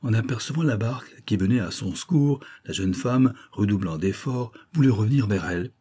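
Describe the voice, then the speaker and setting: A man narrating an old serial novel as an audiobook, in a theatrical, lively storytelling manner. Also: fairly low pitch, moderate pace, husky.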